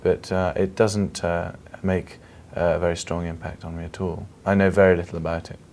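A young man in his late teens from Scotland with a London accent, a film actor giving polite, earnest, halting answers in an interview. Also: low voice, flat delivery, a little mellow. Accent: London English.

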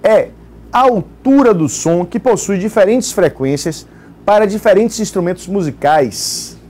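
Brazilian man, high-pitched, joking co-presenter on a live physics class. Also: animated, measured pace, a little mellow. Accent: Brazilian Portuguese. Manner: jokey, reads out audience towns. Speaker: co-teacher. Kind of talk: live exam-prep class broadcast.

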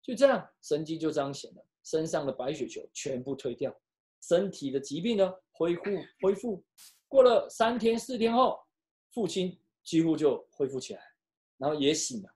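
A pastor preaching and telling a story, switching between hushed and loud delivery, with some halting restarts. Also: mid-range voice, expressive. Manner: emotional, with sharp swings from hushed to loud. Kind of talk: storytelling sermon.

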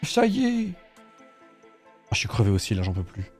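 A man, giving casual, animated let's play commentary and reading on-screen dialogue aloud. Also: fairly low pitch, moderate pace. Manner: animated, swearing, talks to viewers. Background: game music.

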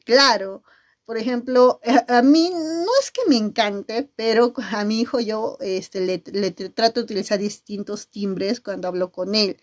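A middle-aged woman teacher gives a video lesson on nonverbal communication in a medium-pitched voice at a measured pace. She speaks expressively and checks in with her listeners often.

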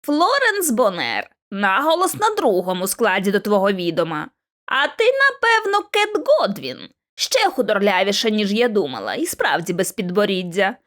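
A woman voicing a scruffy, eccentric young female scavenger who talks in a slow, teasing, sing-song drawl. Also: mid-range voice, very animated, a bit bright.

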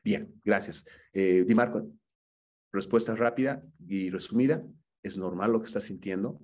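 A man leads an acting class with a low, husky voice. He gives his students earnest feedback and often stumbles into repeated words while finding his point. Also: moderate pace, darkish tone. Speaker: acting teacher.

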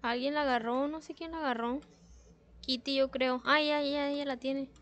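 A woman's voice: high-pitched, steady tone, normal speed, a bit bright. A woman streaming a game in casual chat, in a cute anime streamer manner, playful and giggly. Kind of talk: casual live gaming chat, reacting.

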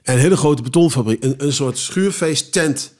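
A man who performs cabaret, telling rambling, animated anecdotes with many restarts in a casual podcast interview. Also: a little high, moderate pace.

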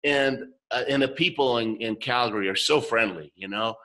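A man's voice: medium pitch, normal speed, pushed and bright, poor audio. Enthusiastic man on a video call. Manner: enthusiastic storyteller, grins while talking. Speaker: guest. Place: home room indoors.

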